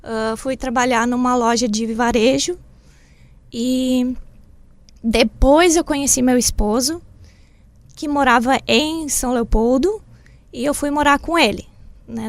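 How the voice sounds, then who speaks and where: A woman's voice: high-pitched, fairly even intonation, unhurried, dry recording. A woman from southern Brazil, a shop owner interviewed in a radio studio, telling her story in a plain, simple way with frequent tag questions.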